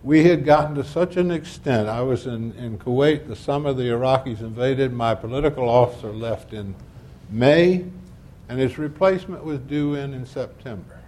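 Here the older ex-diplomat panelist takes an audience question on a panel mic, spinning stories full of wry remarks and performing the quoted conversations. He has a warm, mid-range voice at a normal speed.

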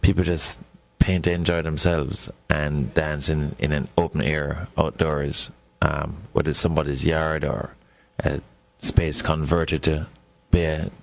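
A middle-aged man from Jamaica with a Jamaican accent, a guest scholar telling reflective, unhurried stories in a radio interview. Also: a bass voice, flat delivery, vocal fry.

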